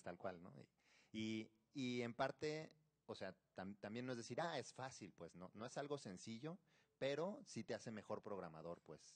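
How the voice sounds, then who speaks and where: Guy, pretty low voice, explaining stuff casually, encouraging. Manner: encouraging, checks with tag questions. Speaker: conference attendee, programmer. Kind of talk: informal explanatory talk.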